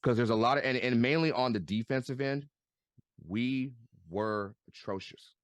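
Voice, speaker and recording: A man talking sports as a podcast guest, excitable and stammering, repeating words as he gets fired up. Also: mid-range voice, normal speed, no room sound. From United States. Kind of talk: animated casual sports chat.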